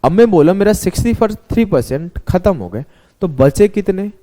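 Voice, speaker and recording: A male math teacher with a slightly high, mellow voice that swings widely in pitch. He walks his students through each step in an animated, chatty way, often spelling words out letter by letter. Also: moderate pace. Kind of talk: classroom lesson explanation.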